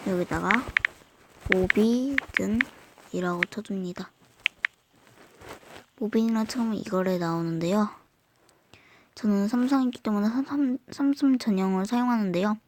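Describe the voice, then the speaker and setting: A woman giving an unscripted phone app tutorial in a halting way, restarting words, her voice run through a voice changer. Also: medium pitch, mellow. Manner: halting, repeats word starts. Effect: voice altered by voice changer. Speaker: tutorial host. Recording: clear background noise with clicks.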